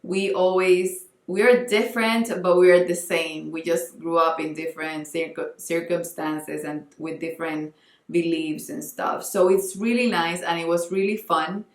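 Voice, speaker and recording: A woman's voice: on the low side, fairly even intonation, unhurried, echoey room. A young Colombian woman with a Spanish accent, talking earnestly in a casual book vlog and often restarting as she searches for words. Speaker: book vlogger.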